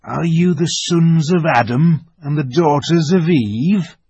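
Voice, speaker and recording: A man voicing a secretive male beaver in a storybook reading, with a hoarse, throaty whisper, hushed and slow. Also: a little high, dry recording, highs cut off, voice pushed up, heavily acted. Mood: wary.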